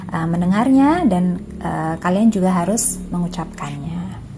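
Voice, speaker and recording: Woman, Indonesian accent, lecturer, recorded lesson, warm tone, frequent filler pauses. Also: medium pitch, a little hiss or hum. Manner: mixes teaching English terms with explanations, many filler pauses.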